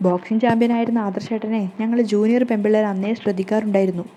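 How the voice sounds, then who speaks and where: A woman's voice: medium pitch, steady tone, fast, dark tone, slight background noise, natural voice. A woman reading a teasing young assistant.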